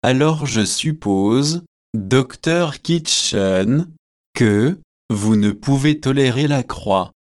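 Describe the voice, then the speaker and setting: A man reading aloud the lines of a composed, sharp-tongued young man in a slow, measured way. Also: mid-range voice, expressive. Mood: pointed.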